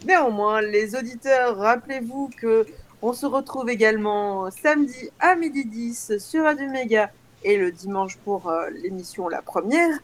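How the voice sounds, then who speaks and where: A woman's voice: fairly high pitch, measured pace. A woman presenting a casual radio show as its host.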